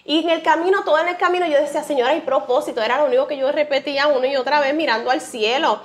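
Woman, fairly high voice, heartfelt faith testimony, lots of fillers. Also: racing. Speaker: guest, author. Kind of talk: emotional personal testimony.

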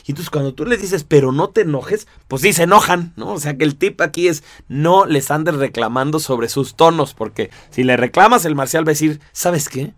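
A man giving a lively, conversational talk to an audience, full of rhetorical asides. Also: a little high, fairly quick, few pauses, no room sound. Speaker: teacher.

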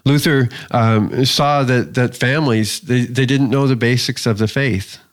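A man who is a Lutheran pastor, giving a sermon in an earnest, measured way, with pauses and small restarts. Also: mid-range voice, steady tone.

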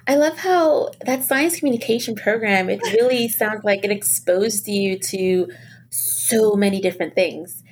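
A woman's voice: mid-range voice, unhurried. A woman hosting an interview podcast, asking questions and affirming her guest with "right" and "love it". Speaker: podcast host. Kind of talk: casual interview.

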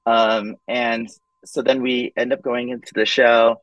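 A man telling his own story as a podcast guest in a casual, animated way, acting out quoted voices and often saying "like" and "um". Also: mid-range voice, a little slow, dry recording, dull audio.

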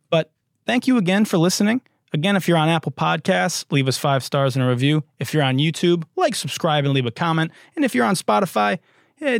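A man's voice: medium pitch, gravelly, no room sound, clean studio sound. A man hosting a comedy talk podcast, sarcastic and profane, laughing often between jokes. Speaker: podcast host.

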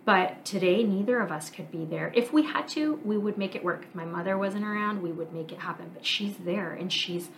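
A woman's voice: mid-range voice, a little fast, few pauses, slight background noise. Candid woman musing aloud on a podcast. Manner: candid, reflective, thinking aloud with fillers. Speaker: podcast host, marriage coach and therapist. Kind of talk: casual personal monologue.

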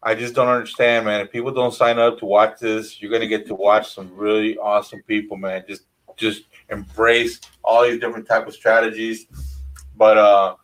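A man's voice: fairly low pitch, flat delivery, moderate pace, rough recording. A man hosting a casual interview, laid-back and peppering his questions with man. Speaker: host.

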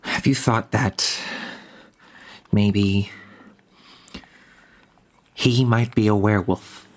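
A man's voice: on the low side, fairly even intonation, extremely slow, darkish tone. A man playing a stammering young detective. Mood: anxious. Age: young adult. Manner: stammering, hesitant. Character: nervous young male junior detective.

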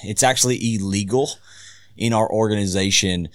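A man, a pastor co-hosting a casual podcast, who talks in a relaxed way and laughs easily. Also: lowish voice, normal speed, dry recording, studio quality.

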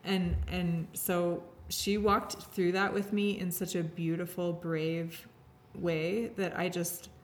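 Earnest, low-voiced woman talking candidly. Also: flat delivery, takes it slowly, few pauses, slight background noise. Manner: earnest, heartfelt, heavy use of "like" and restarts. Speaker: podcast guest sharing her story. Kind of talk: candid conversational interview.

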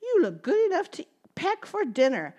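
A woman voicing a hungry hen, clucking in a high voice. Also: huge pitch swings, normal speed, mellow, full character voice. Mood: greedy.

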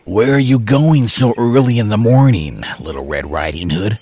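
Woman doing a deep, husky, sneaky wolf. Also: lively intonation, normal speed, dark tone, exaggerated voice. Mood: coaxing. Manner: sweet-talking, sneaky. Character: sly, hungry male wolf, deep and scheming. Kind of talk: storybook read-aloud.

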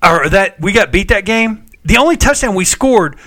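High, bright older man co-hosting. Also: animated, normal speed. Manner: emphatic, storytelling, stacks clauses with "and". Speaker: co-host, former football coach. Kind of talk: casual sports talk.

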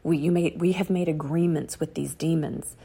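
Low, gravelly-voiced woman giving testimony. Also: steady tone, moderate pace, mellow. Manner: earnest, repeats key phrases for emphasis. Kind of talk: personal faith testimony. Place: outdoors on a dark autumn morning.

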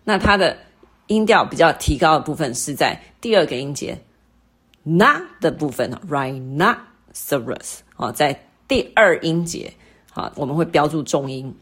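A middle-aged woman hosting a lesson, explaining English word stress to listeners patiently and repeating each example word slowly. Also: low voice, lively intonation, fairly bright tone, breathy edge. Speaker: English teacher and podcast host.

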